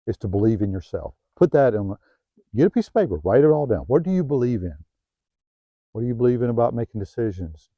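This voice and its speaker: A middle-aged man with a Southern US accent gives heartfelt self-help advice, often restarting his phrases and growing quieter when he gets personal. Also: on the low side, no echo, muffled recording. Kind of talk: earnest motivational talk to camera. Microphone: new home-video mic, dull sound.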